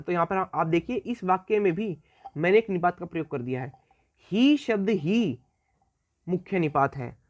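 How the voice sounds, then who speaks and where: A man's voice: on the high side, dry recording. A man teaching a recorded grammar lesson, explaining step by step, repeating key words and answering his own questions.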